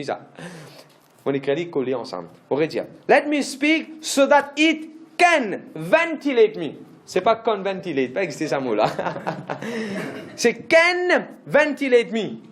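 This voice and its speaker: A man's voice: fairly high pitch, roomy sound. A man pastor, preaching a sermon emphatically with lots of repetition and English phrases mixed in.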